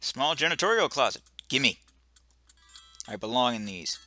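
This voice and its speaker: A man plays a video game, making sarcastic remarks and reading the game text aloud, occasionally flubbing words in his casual commentary. His medium-pitched voice swings widely in pitch and is bright and forceful, a little slow, with faint music in the background.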